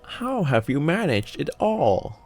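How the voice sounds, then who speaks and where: A man's voice: fairly high pitch, very animated, takes it slowly, a little mellow, faint music behind, pitched above the performer's own voice, full character voice. A man playing a teasing, jovial old uncle in whispered role-play, with a wry manner. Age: older.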